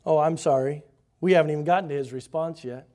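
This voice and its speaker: A man preaching a sermon, animated, slipping into mocking voices when he quotes the scoffers. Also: a little high, quick pace.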